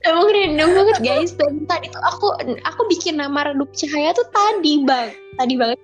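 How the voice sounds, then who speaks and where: A woman's voice: high voice, animated, moderate pace, faint music behind. A talkative, outgoing young woman co-hosting a podcast in casual chat, with a muffled lo-fi recording. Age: young adult. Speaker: podcast co-host.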